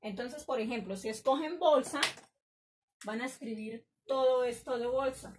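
A woman teaching a language lesson to children, praising them warmly and slowly drawing out words to show which syllable is stressed. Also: a little high, noisy background.

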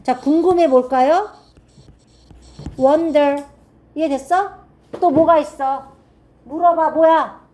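A woman teaching English grammar to a classroom of students, firing quick check-in questions and reading example sentences slowly and deliberately. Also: high voice, a little mellow, slight background noise. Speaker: English teacher at a cram school.

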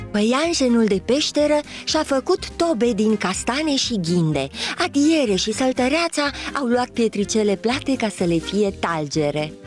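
Animated woman storyteller, high, lively voice, faint music under it. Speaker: narrator. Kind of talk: children's storybook narration.

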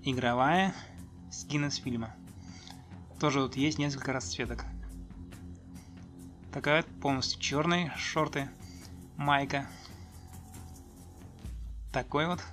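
Bright-voiced man reviewing a game casually. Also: mid-range voice, steady tone, takes it slowly, pauses often, faint music behind. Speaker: gaming video host.

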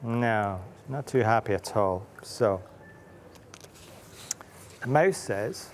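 A man's voice: fairly low pitch, extremely slow, a little hiss or hum. Playful man reading to kids. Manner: playful, asks children many questions. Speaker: author and illustrator reading to children. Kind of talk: reading aloud to children.

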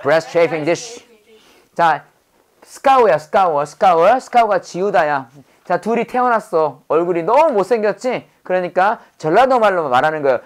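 Lively woman drilling English vocabulary. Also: lowish voice, moderate pace. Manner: lively, drills learners with call-and-repeat prompts. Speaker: English teacher.

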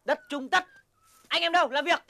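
A man's voice: extremely high pitch, moderate pace, sharp tone, a little hiss or hum, exaggerated voice. An actor playing a brawling gang leader who swears and taunts his rivals. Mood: taunting. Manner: rough and abusive. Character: brawling male gold-digger gang leader.

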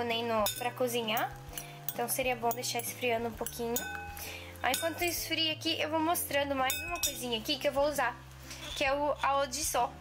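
A high-voiced cooking vlogger in her twenties chats casually in her kitchen, hesitant and full of fillers, frequently restarting sentences. She's recorded on a camera mic at arm's length, with music playing under her voice and dishes clinking in the background.

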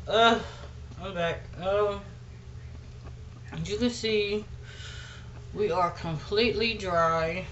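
Woman vlogger, slow and chatty, through a dried face mask, in a roomy space. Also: medium pitch, a bit bright, lo-fi sound, slight background noise. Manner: chatty, says y'all a lot, nervous giggles. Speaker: beauty vlogger. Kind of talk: casual chat to camera. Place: indoors at home.

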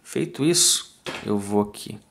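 A man with a Brazilian Portuguese accent explains fly tying step by step in a calm, methodical way, counting off each turn aloud. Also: fairly low pitch, a little slow, vocal fry, a little hiss or hum. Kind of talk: step-by-step tutorial narration.

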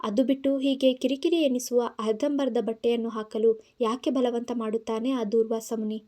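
A woman's voice: fairly high pitch, steady tone, normal speed, mellow. A woman narrating an audio story in Kannada-accented speech, voicing the characters' lines herself.

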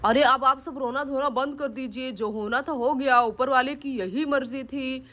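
A woman's voice: sits high, fairly even intonation, moderate pace, fairly bright tone, voice pushed down. A woman voicing a stern elder man doll who gives firm orders to the family. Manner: firm, commanding.

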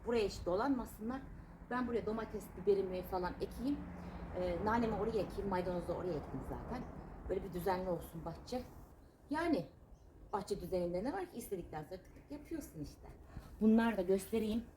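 A Turkish woman in her thirties talking casually while she works in her home garden, sharp-tongued and indignant, then chatty. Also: mid-range voice, expressive, brisk, noisy background. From Turkey. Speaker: vlogger.

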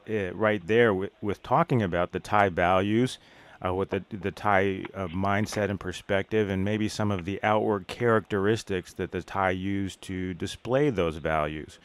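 A man's voice: on the low side, unhurried. A man interviewing in a conversational way as a podcast host, thoughtfully restating and checking points.

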